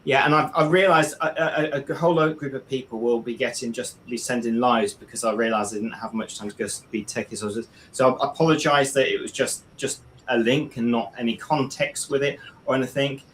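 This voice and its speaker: A man hosting a paranormal livestream in a relaxed, casual way, often restarting his words, talking over a video call. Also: medium pitch, brisk, hardly any pauses, slight background noise, poor audio.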